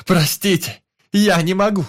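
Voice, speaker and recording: A man's voice: lowish voice, slow pace. A man voicing a despairing, guilt-ridden young male hero who cries out in anguish. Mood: anguished shouting. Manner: anguished shouting.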